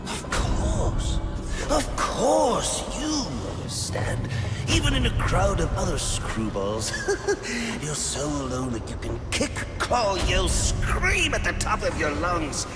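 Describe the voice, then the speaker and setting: Loud music plays under a manic video game villain. His voice lurches wildly between low and shrill, slow and theatrical, with giddy menace and an erratic, cackling delivery. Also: wildly swooping pitch, heavily acted. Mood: impassioned. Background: loud dramatic music.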